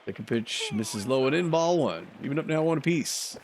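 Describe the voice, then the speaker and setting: A man's voice: mid-range voice, expressive, normal speed, a little hiss or hum. Chatty male play-by-play caller. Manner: chatty, cheering on his team, chuckling often. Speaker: commentator. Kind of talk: mock play-by-play of a simulated baseball game.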